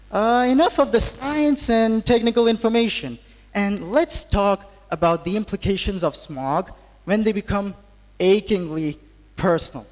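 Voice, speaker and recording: In a big, echoing hall, a male student delivers a podium speech. His voice sits high for a man and he takes his time, phrasing things with formal, theatrical flourish and a wry rhetorical edge. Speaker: student speaker at a school assembly. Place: large hall at a school assembly. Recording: echoey hall with long reverb.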